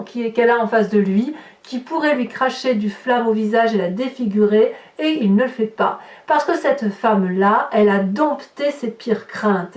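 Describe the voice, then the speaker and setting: A tarot reader with a fairly high, darkish voice gives the viewer an improvised reading, explaining the cards and repeating phrases for emphasis. She sounds distant from the mic, with roomy echo.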